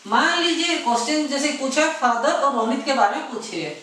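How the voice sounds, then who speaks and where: A male math tutor teaches an exam-prep lesson in an extremely high, expressive, sharp voice, talking a little fast. He repeats himself, asks rhetorical questions, keeps calling viewers his friends, and mixes in English math terms. The room is very echoey, he's far from the mic, and there's a little hiss or hum.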